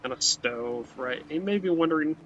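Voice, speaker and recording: A let's play host with a slightly high, fairly bright voice talks at a moderate pace, rambling casually while he plays a game. He keeps adding "right?" and restarting sentences. The audio is muffled, with a faint hiss behind it.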